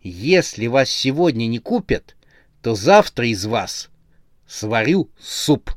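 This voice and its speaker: A man's voice: mid-range voice, very animated, slow pace, no echo, clean studio sound. A man voicing a pushy cheerful young female shop seller in a horror audiobook, with gushing, insistent sales patter. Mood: indignant.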